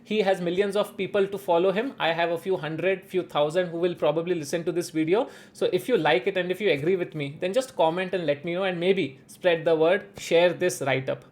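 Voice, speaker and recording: A man's voice: high-pitched, fairly quick, hardly any pauses. A man from India with an Indian English accent, reciting a spoken-word response in an earnest, declamatory way. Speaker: video creator.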